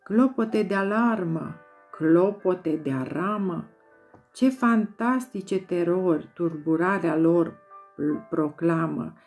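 A woman reads a poem aloud in a dramatic, rhythmic recitation, leaning into repetitions like a chant. Her voice is mellow and dark in tone. Soft instrumental music plays quietly under her reading. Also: lowish voice, animated. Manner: rhythmic, incantatory reading with repeated words. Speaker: volunteer poetry reader. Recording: soft music bed behind voice.

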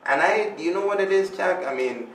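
Here the Venezuelan artist, a middle-aged man, sounds high-pitched, animated and a bit bright, moving at a moderate pace. He gushes through a casual interview with a child, answering questions with many fillers. The recording comes from a small indoor room and is echoey, distant-miked and noisy.

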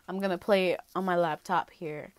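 A woman vlogger chats loosely to her viewers, rambling, restarting her sentences and filling the gaps with ums. Her voice sits a little low and sounds close and dry, with no room around it. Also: steady tone, normal speed, dry recording. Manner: rambling, many fillers and restarts. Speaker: YouTuber reacting to a video. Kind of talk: casual reaction vlog chat.

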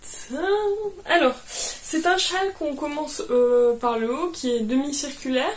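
A woman's voice: high voice, a little slow. A young woman chatting about her knitting projects, hesitant and full of fillers, cheerful and laughing often. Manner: hesitant, many fillers and restarts. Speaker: knitting vlogger. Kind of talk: casual show-and-tell chat.

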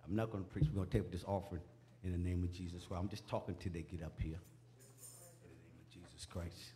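A man speaking in a church sanctuary, exhorting the congregation in a folksy, call-and-response manner that rises toward shouting. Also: sits low, fairly even intonation, fast. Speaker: preacher.

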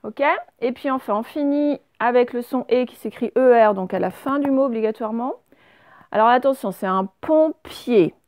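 A woman's voice: on the high side, normal speed, a little mellow, no room sound, clean studio sound. A woman teacher giving a patient spelling lesson, spelling words out letter by letter for young pupils. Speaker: primary school teacher. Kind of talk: recorded remote spelling lesson.

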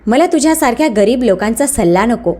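Demanding, angry adult son in a storybook, read by a woman with a slightly high voice. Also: animated, fairly quick, darkish tone. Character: angry, greedy grown son.

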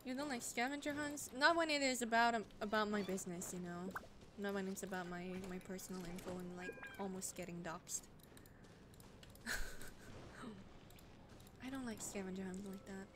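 A young woman streams a game and chats casually at a brisk pace, her medium-pitched voice full of fillers and blunt swearing. The home stream mic picks up a lot of noise.

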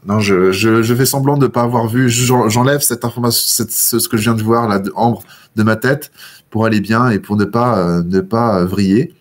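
A man's voice: fairly low pitch, moderate pace. A man teaching a French literature lesson online, explaining a text to his students with many hesitations and rhetorical questions. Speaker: high school French teacher.

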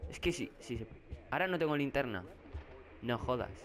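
A man's voice: medium pitch, animated, moderate pace. A young man from Spain with a Spanish accent, narrating a horror game and getting jumpy, swearing and crying out in fright. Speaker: gaming YouTuber. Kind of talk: horror game let's play commentary. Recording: faint background noise.

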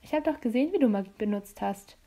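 A woman reading a storybook aloud, voicing a sharp-tongued fifteen-year-old girl who answers with sarcasm. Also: on the high side, animated. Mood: pointed. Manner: sarcastic and quick.

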